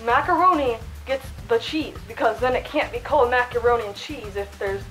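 A woman with a high voice talks through a playful cooking tutorial, chatty and mock-serious. She is in a home kitchen, her voice a little muffled by a costume head. The room echoes and soft music plays underneath. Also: brisk. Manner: jokey, chatty, mock-instructional. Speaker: channel host cooking in fursuit.

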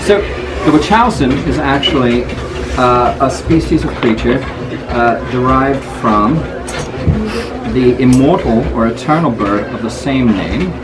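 Animated theatrical man over heavy background noise. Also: medium pitch, unhurried. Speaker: wand ceremony master at a Renaissance fair. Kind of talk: improvised fantasy lore patter for visitors. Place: open-sided wooden booth in the woods at a fair. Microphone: camera a few steps away. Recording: noisy, distant outdoor camera recording. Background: loud ambient fairground noise.

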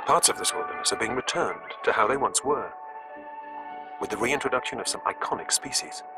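A man with a British accent narrating a scripted nature documentary with measured, deliberate phrasing. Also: mid-range voice, expressive. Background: music.

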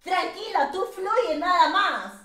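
A woman's voice: extremely high pitch, expressive, takes it slowly, pushed and bright, reverberant. A woman hosting a casual game live stream, chatty and teasing, laughing often.

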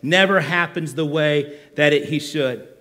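A male pastor preaching a sermon, animated and acting out the voices of complainers. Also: on the high side, a little slow.

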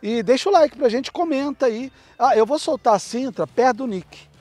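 A man's voice: extremely high pitch, moderate pace, a little mellow, soft background music. A man hosting a casual dog vlog, chatting loosely and barking short commands at a dog. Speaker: dog breeder, channel host. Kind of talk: casual chat and dog training outdoors.

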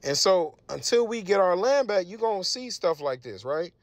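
A man teaching scripture in a casual, emphatic way, reading verses aloud and often checking in with a quick "right?". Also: high voice, very animated, no room sound. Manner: conversational and emphatic, often tags questions with "right?". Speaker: Bible teacher.

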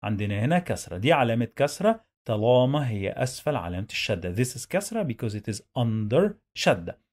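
A man's voice: mid-range voice, big pitch swings, a little fast, darkish tone. A man with an Egyptian Arabic accent teaching reading, sounding out each word syllable by syllable, repeating it, and then explaining briefly in English. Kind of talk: slow syllable-by-syllable reading lesson.

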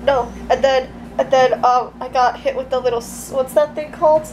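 A young woman chatting casually and excitably in a vlog, recorded on a handheld camera in a bedroom. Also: sits high, moderate pace, rough recording. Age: young adult. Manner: excitable, gushing, informal. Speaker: vlogger. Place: small bedroom indoors. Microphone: handheld camera at arm's length.

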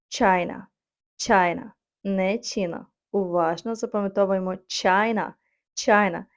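A woman's voice: medium pitch, a little mellow. A woman from Ukraine teaching English online, reading each word carefully and repeating it for her learners. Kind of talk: online language lesson.

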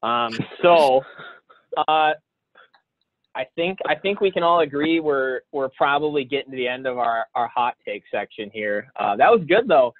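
A man's voice: mid-range voice, lively intonation, moderate pace, no room sound. A man hosting a casual chat show, joking and laughing as he rambles. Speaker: host. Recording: dry, tinny phone-like sound.

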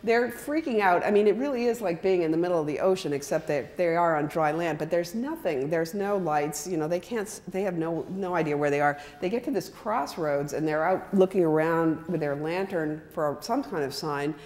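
A woman in her sixties gives a relaxed, chatty slide talk, holding a microphone and gesturing as she speaks. Her voice sits a little low, with fillers and restarts throughout. The sound carries a long hall reverb. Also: normal speed, hardly any pauses. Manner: conversational, animated with hand gestures, many fillers. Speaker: author giving a talk. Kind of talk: illustrated public talk. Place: large hall with wooden floor. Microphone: handheld microphone.

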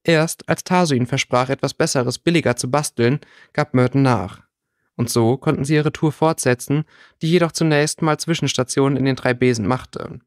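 A man reading fan fiction aloud as an audiobook, steady with small slips. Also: mid-range voice, moderate pace. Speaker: audiobook reader.

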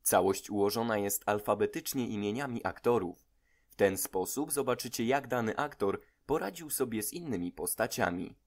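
A man hosting a dubbing channel, reading an even, informative scripted introduction. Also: on the low side, moderate pace. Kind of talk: scripted narration.

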